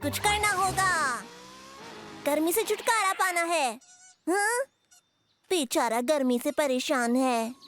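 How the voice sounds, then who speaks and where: Little cartoon inventor bear cub boy, boastful, grumbling, slow, music behind. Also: high voice, lively intonation. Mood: busy. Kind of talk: Hindi cartoon dubbing. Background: children's music.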